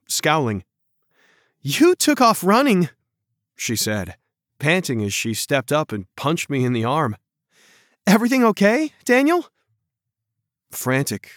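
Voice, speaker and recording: A man reading a first-person story aloud as narrator, expressive and acting out the dialogue. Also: mid-range voice, no echo, clean studio sound.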